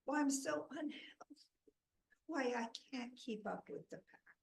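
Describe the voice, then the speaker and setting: A woman's voice: high voice, animated, measured pace, creaky, voice pushed up, heavily acted. A woman doing a skinny, mangy wolf. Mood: pleading.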